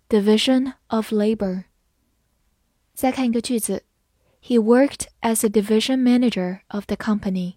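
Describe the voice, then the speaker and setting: A woman teaching English vocabulary, spelling words letter by letter and reading example sentences slowly. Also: fairly high pitch, a little mellow, dry recording, studio quality.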